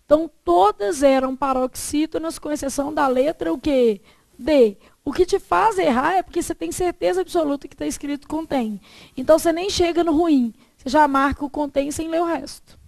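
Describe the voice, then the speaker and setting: A woman's voice: sits high, moderate pace, gravelly, a little mellow, no echo. A Brazilian woman teaching a Portuguese class, putting questions to her students and answering them herself. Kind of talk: classroom lesson on exam questions.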